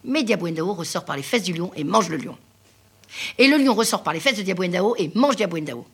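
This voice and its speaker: Female storyteller, husky, rhythmic oral tale with whispered passages. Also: fairly low pitch, animated, fairly quick. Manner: rhythmic, repetitive telling with hushed whispers.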